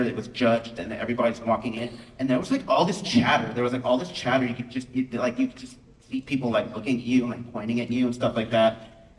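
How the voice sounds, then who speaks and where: Male author on a panel, mid-pitched and lively, recorded in a roomy auditorium. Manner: animated, acts out quotes with a raised voice. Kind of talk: casual storytelling to an audience. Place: school auditorium. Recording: roomy hall, mic from a distance.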